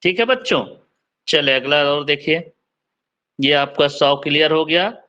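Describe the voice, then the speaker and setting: A man teaching Hindi grammar in an online class, slowly drilling letter sounds and quizzing his students. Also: a little high, animated, bright, forceful tone, dull audio.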